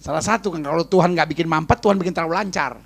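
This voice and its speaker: A man's voice: fairly high pitch, rapid-fire, creaky. A male pastor preaching a humorous, storytelling sermon to a church congregation, tossing in English phrases and calling out to the crowd.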